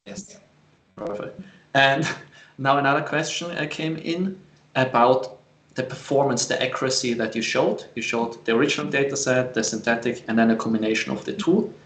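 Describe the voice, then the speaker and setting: Moderator in an echoey room. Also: male voice, mid-range voice, fairly bright tone. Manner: reads audience questions, a little halting. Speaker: event moderator. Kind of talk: moderating a live Q&A.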